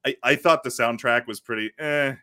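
A young man on a casual podcast, talking in halting bursts with frequent restarts. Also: mid-range voice, bright, forceful tone. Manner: halting, many restarts and nitpicks. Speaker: podcast co-host. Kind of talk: casual chat.

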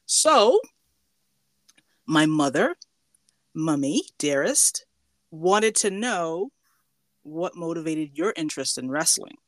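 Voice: medium pitch, sing-song, slow pace, long pauses, no echo. A middle-aged podcast host from the Bahamas, chatting and laughing easily while asking questions. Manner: chatty and warm, with frequent fillers and laughs. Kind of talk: casual interview.

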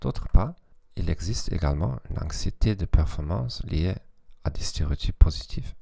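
A man from Germany, a native German speaker, hosting a scripted educational podcast in halting, stilted non-native French with a German accent. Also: low-pitched, lively intonation, vocal fry, warm tone, breathy edge, dry recording. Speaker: podcast host.

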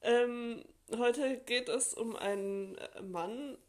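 A young adult woman co-hosting a casual podcast, talking in a relaxed, chatty way with lots of fillers. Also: on the high side, drawn-out words. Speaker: podcast co-host.

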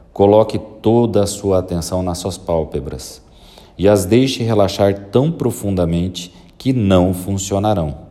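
Deep, mellow-voiced male hypnotist. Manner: slow, soothing, repetitive instructions. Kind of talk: guided hypnosis induction.

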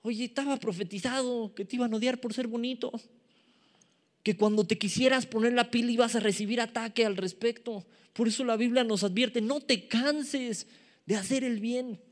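A Mexican man delivers a sermon in a notably high-pitched voice. He speaks informally, teases himself, and keeps turning to the congregation with rhetorical questions. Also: fairly even intonation, normal speed. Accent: Mexican Spanish. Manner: informal and self-deprecating. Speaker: preacher.

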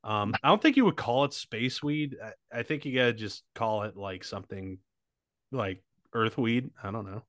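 Male podcast co-host, middle pitch, crude riffing banter, dry close-mic sound. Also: lively intonation, moderate pace, a bit bright, no echo. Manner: joking, crude, riffs with silly bits. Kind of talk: casual comedic banter.

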